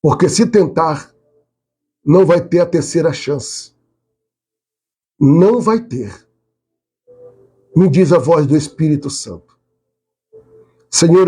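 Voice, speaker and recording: A male pastor leading a live prayer, pleading fervently, with loud high cries and quiet murmurs in between. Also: breathy edge.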